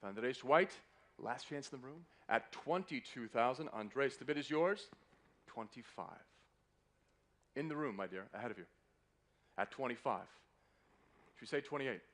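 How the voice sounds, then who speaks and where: A man's voice: mid-range voice, lively intonation, unhurried, long pauses, fairly bright tone. Male fine art auctioneer calling bids. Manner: polite, courteous patter repeating bids. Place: live auction room in a hotel.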